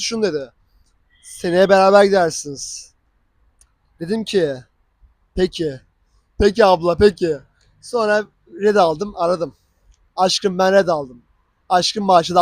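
Genç bir adam, yaşadıklarını diyalogları canlandırarak sohbet havasında anlatıyor. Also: male voice, high-pitched, dry recording. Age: young adult. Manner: animated, acts out dialogue. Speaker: vlogger. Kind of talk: casual storytelling.

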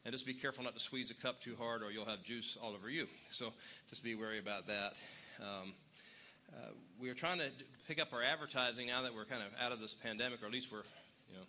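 A man's voice: medium pitch, fast talker, sharp tone, a little hiss or hum. A man giving casual announcements at a church service, chatty and rambling, joking with the congregation.

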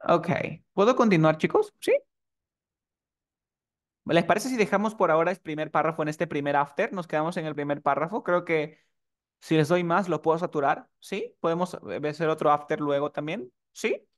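Guy teaching english online, kinda high voice, keeps asking if everyone's following. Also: normal speed. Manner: asks the class frequent checking questions. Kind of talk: live online class.

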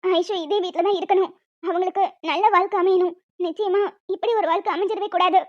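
A woman's voice: very high voice, fairly even intonation, a little fast. A woman voicing a remorseful, jealous young woman who talks in an earnest, pleading way. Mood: determined. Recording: dull lo-fi audio with music.

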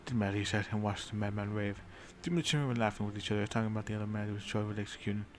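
A guy telling a dark roleplay story over his strategy game, low voice, rambly and swears a lot, faint room hum behind. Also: steady tone, racing. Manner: rambling, swears casually, brooding dramatic storytelling. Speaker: game streamer. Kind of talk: in-character narration of a strategy game.

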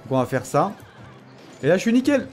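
A man talks through his game in a lively, swooping voice, slightly high, breaking into teasing taunts. He sounds excitable and a little tired, with faint music underneath. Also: fairly quick. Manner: excitable, teasing, mock-threatening. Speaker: gaming channel host. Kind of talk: casual gameplay commentary.

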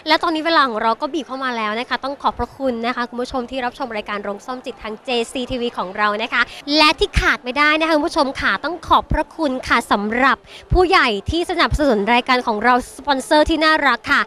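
A woman presenting live for TV from an exhibition, talking politely and upbeat to the viewers. Her voice is high and bright. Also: fast, few pauses, slight background noise. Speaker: TV host. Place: exhibition hall.

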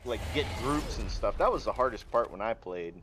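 A man's voice: mid-range voice, expressive, fairly quick, a bit bright, husky. A man chatting casually and slangily as he streams a game, in a laid-back manner. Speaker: streamer opening card packs. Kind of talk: casual gaming chat.

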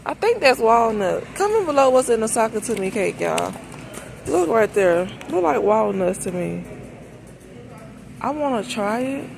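On a shopping-trip vlog, a woman strolls through a large supermarket chatting informally and folksily to the camera, thinking aloud. She has a fairly high, sing-song, gravelly voice and talks a little slowly, recorded on a handheld phone with a noisy store in the background.

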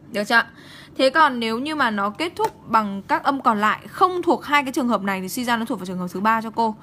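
A woman teaching an online English exam-prep lesson, speaking briskly and checking in with her students again and again. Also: fairly high pitch, fairly bright tone, a little hiss or hum. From Vietnam.

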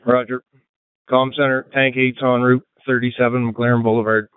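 A man's voice: mid-range voice, little pitch movement, normal speed, clean tone, no echo. A man speaking as a fire officer in firefighter radio traffic, heard over a two-way radio. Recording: tinny narrow-band two-way radio.

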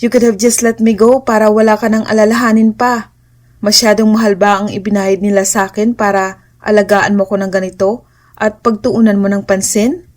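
A woman's voice: mid-range voice, flat delivery, normal speed, a little mellow, lightly acted. A woman voicing a frightened but defiant young female captive who pleads and argues emphatically. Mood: pleading.

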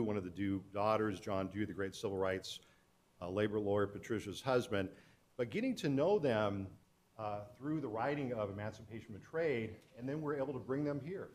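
A man's voice: lowish voice, darkish tone. A middle-aged man, a historian and author, giving an earnest public talk to an audience, telling stories with frequent restarts.

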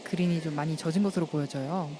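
A woman's voice: low-pitched, steady tone, quick pace, noisy background. A woman giving polite, explanatory analysis as a commentator on a live golf broadcast.

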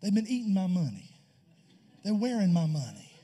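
A man voicing a panicked middle-aged father of the groom in a whispered role-play, talking in a hushed, frantic rush. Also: sits high, big pitch swings, moderate pace, husky, pitched below the performer's own voice, exaggerated voice.

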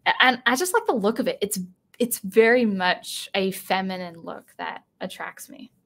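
A woman's voice: mid-range voice, lively intonation, moderate pace, gravelly, a bit bright. A tired woman chatting casually on a live stream, reading chat and rambling through thoughts with many restarts. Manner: rambling, self-interrupting, chuckling.

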